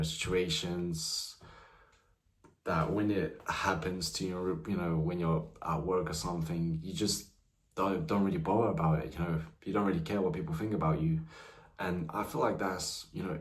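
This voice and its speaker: In an echoey space, a young man of nineteen speaks at a moderate pace with a low voice and fairly even intonation. It's a loose, rambling vlog about his own life, aimed at the camera and heavy on "you know."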